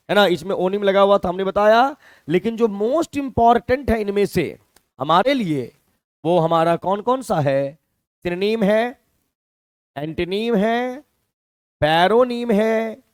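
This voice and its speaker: A male teacher with a Hindi accent, explaining words one step at a time and stopping often to ask whether the class has it. His voice sits high and swings widely in pitch. The sound is close and dry. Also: no echo. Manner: explains step by step, checks with "clear?". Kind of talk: classroom lecture.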